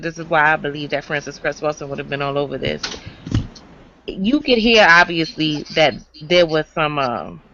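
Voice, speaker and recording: A woman's voice: creaky, sharp tone, slight background noise. A woman commenting in a casual, conversational discussion. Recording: slightly dull low-fidelity audio.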